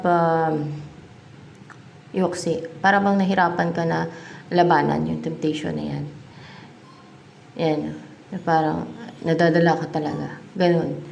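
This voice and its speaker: Tarot reader, woman, slow and thoughtful, gravelly low voice, echoey room with faint noise. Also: darkish tone. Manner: slow, musing, thinking aloud and questioning herself. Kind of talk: tarot card reading.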